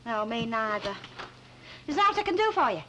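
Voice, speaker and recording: An actress playing a cheeky, flirtatious Northern English housewife in a 1960s British TV soap, teasing and chummy. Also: female voice, fairly high pitch, big pitch swings, brisk, bright, forceful tone. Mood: brisk, puzzled. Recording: noisy 1960s TV soundtrack, clicks.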